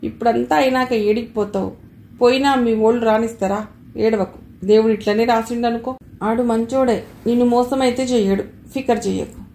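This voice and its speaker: A woman's voice: fairly high pitch, fairly even intonation, moderate pace, natural voice. A woman voicing a weary middle-aged village wife who speaks Telangana Telugu, sad and pleading as she reads a storybook scene. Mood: sorrowful. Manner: sorrowful, gently pleading. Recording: roomy with faint hiss.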